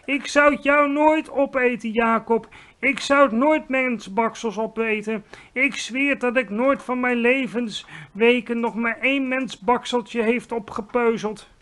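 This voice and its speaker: A man's voice: very high-pitched, flat delivery, drawn-out words, hardly any pauses, sharp tone, pitched above the performer's own voice, heavily acted. A man voicing a huge brutish child-eating giant, screeching and pleading in panic, in a storybook read-aloud.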